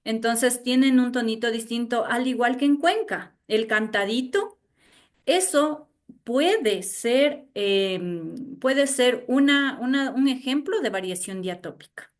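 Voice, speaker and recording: A woman with an Ecuadorian highland accent teaching an online class, repeating herself and checking in with her students. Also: animated, takes it slowly. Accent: Ecuadorian highland Spanish. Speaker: university teacher. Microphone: video call.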